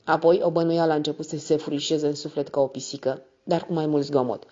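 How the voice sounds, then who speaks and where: A woman reading a novel aloud as a steady, measured first-person narrator. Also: sits low. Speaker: audiobook narrator. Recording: slightly muffled recording.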